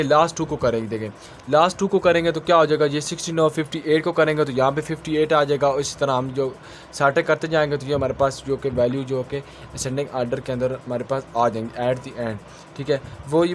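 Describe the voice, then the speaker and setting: A man giving a quick exam-revision lecture as a tutor, asking himself a question and answering it at each step, with technical English terms mixed into his speech. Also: a little high, slight background noise.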